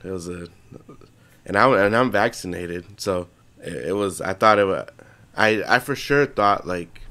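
A man's voice: low-pitched, lively intonation, unhurried, bright, forceful tone. A young man, congested, co-hosting a podcast in casual, rambling chat full of swearing and restarts. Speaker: podcast co-host.

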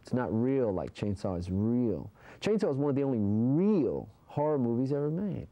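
A man's voice: medium pitch, very animated, normal speed, noisy background. A young man in a casual interview indoors, talking animatedly and rambling with many fillers. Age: young adult. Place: indoor room.

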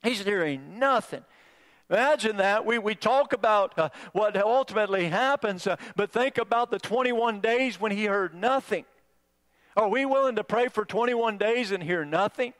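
A male pastor preaching a sermon, halting with many fillers and restarts, calling on members of the congregation by name and swinging between loud urging and low hushed passages.

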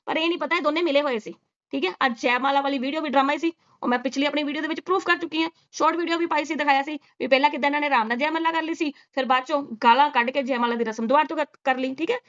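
A woman's voice: sits high, fairly even intonation, rapid-fire, fairly bright tone, highs cut off. A woman doing sarcastic reaction commentary, scolding and mocking with rhetorical questions. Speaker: reaction vlogger.

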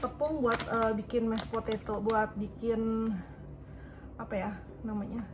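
A vlogger in her thirties chats casually while unpacking groceries in her home kitchen, often searching for words and mixing in English terms. Filmed on a phone camera at arm's length, her slightly high, level voice comes at an unhurried pace. Loud music plays under her voice, with crinkling bags and heavy background noise.

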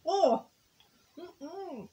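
A woman's voice: very high voice, lively intonation, extremely slow, mellow, dull audio, slight background noise. A woman on a living room couch, trying snacks from a box and giving blunt, joking verdicts. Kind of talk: casual taste-test chat.

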